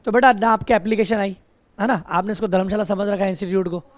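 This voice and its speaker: A man's voice: sits high, fairly even intonation, quick pace, no room sound. A male teacher teaching a classroom, mixing explanations with teasing and scolding of students. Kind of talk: classroom lecture with banter. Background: students' chatter.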